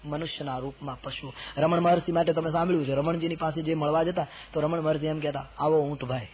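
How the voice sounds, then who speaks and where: Man preaching on a tinny old recording. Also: fairly high pitch. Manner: rising emphatic exhortation with quiet asides. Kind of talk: devotional sermon storytelling.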